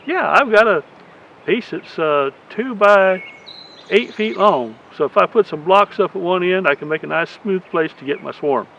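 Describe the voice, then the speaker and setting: Man in his eighties, high-pitched, rambling folksy manner, outdoors, faint birds in the background. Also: animated, normal speed, creaky, a bit bright, slight background noise. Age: 80s. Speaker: beekeeper. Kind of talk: casual how-to vlog. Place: outdoors in a rural yard. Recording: slightly dull lo-fi sound.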